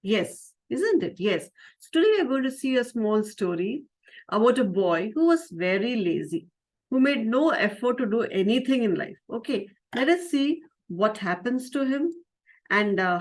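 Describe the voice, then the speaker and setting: Woman, slightly high voice, storytelling to kids, gentle, lots of uh. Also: big pitch swings, normal speed. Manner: gentle, questioning, many fillers. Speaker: spiritual teacher and storyteller. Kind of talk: storytelling to children.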